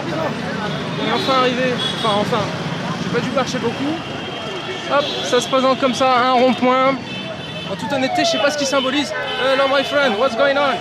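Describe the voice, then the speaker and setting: A man from France chatting casually to viewers in a travel vlog, walking through city streets and into a metro station. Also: very high-pitched. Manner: chatty, informal, addresses viewers as "les gars". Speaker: travel vlogger. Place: outdoors on busy city streets, later in a quiet metro station. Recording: loud street noise behind. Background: traffic and street noise.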